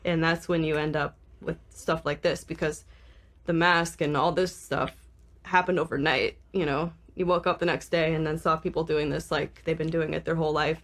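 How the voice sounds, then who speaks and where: A woman with vocal fry, talking reflectively in a casual discussion as a podcast co-host. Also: deep voice, level tone, moderate pace.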